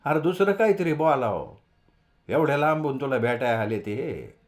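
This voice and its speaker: A man voicing a welcoming middle-aged village father with plain, calm rustic speech. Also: medium pitch, moderate pace, natural voice.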